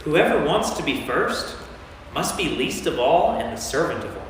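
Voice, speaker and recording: A man's voice: a little high, sing-song, normal speed. A man playing a stern, commanding teacher, Jesus, with emphatic delivery in an amateur staged Bible reading. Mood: instructing. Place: large church interior. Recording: echoey church hall from far off, faint noise.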